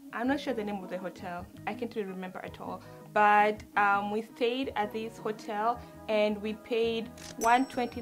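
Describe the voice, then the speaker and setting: A woman from Tanzania, chatting through a casual travel recap as a vlogger and dropping Swahili words into her talk. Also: a little high.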